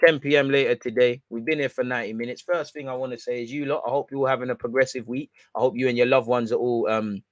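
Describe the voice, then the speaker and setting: A man speaks with an urban London roadman accent in an average-pitched voice. He talks in a casual, slangy, conversational way, like a fan hosting a livestream. The sound is dry, with little room echo. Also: steady tone, fast talker, hardly any pauses. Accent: London, urban street. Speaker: football fan channel host, live streamer.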